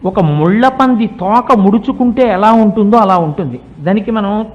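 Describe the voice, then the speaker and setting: A middle-aged man giving a devotional discourse, explaining at length and chanting mantras slowly. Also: high voice, muffled recording. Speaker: religious speaker.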